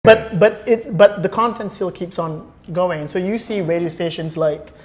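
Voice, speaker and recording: A former radio producer appears as a guest on a podcast recorded indoors, thoughtfully explaining his opinions in a conversational style and frequently restarting phrases. His voice sits high, a little mellow, and moves at a normal speed.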